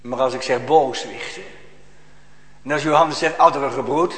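A man's voice: mid-range voice, steady tone, unhurried, fairly bright tone. A male pastor delivering a sermon in an emphatic, admonishing way, with pointed rhetorical questions to his congregation. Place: church. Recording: echoey church hall, long reverb.

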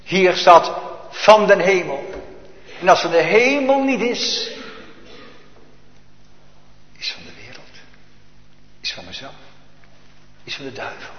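A man preaches a sermon, dropping to near whispers and rising to emphatic calls, full of rhetorical questions. His voice sits fairly high. The sound is dull and lo-fi, with a long echo rolling around the church. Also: sing-song, slow pace, long pauses, slight background noise. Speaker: pastor. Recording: echoey church, lo-fi reverberant recording.

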